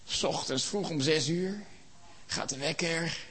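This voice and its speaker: A man preaching a sermon in a church, impassioned, building to shouts and rhetorical questions. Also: on the high side, measured pace, breathy edge.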